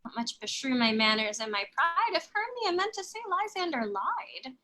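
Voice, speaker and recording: Woman as spirited young maiden, high bright voice, very lively pitch. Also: normal speed, slight background noise, exaggerated voice. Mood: tender. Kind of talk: Shakespeare reading.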